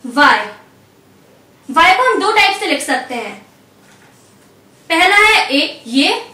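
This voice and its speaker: Very animated and speaking in a bright, very high voice, a woman patiently teaches a language lesson one step at a time, going slowly and repeating every letter. She's far from the mic in an echoey room, sitting a bit back.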